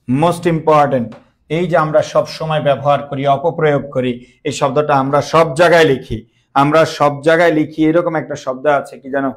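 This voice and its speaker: A young man with a slightly high voice teaches an online class. He repeats key words with emphasis and keeps quizzing his students.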